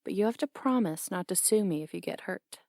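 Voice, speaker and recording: A young woman voicing a brash, teasing tomboy boxing coach in an audio role-play, blunt and quick to laugh. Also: mid-range voice, animated, a little mellow, dry recording, clean studio sound, lightly acted.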